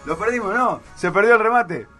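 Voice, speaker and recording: High-voiced radio co-host. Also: male voice, lively intonation, a little fast, sharp tone, faint music behind. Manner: short reactions and comments.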